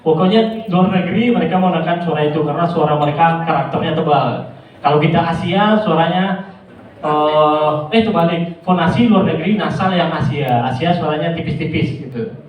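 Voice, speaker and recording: A man running a storytelling workshop, lively and playful, chuckling as he explains voice techniques to an audience. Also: fairly high pitch, brisk, highs cut off. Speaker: storytelling trainer. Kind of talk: workshop lesson with voice demonstrations. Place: large indoor hall with an audience. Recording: echoey hall, mic from a distance. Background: audience murmur.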